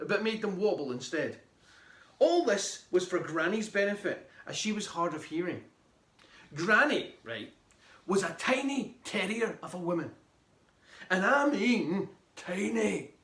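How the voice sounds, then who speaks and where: A man reading his children's book aloud in an animated, playful way. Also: sits high, unhurried, reverberant.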